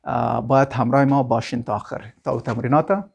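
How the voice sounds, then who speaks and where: A woman with an Afghan Dari accent teaching English vocabulary, mixing Dari and English and slowly repeating each word for students to echo. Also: a bass voice, steady tone, creaky, highs cut off, noisy background. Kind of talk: language lesson.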